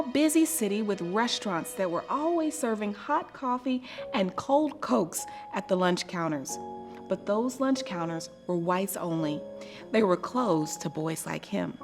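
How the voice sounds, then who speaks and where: A woman with a fairly high-pitched voice reads a children's story aloud in an expressive, scripted style, using deliberate dramatic emphasis and pauses.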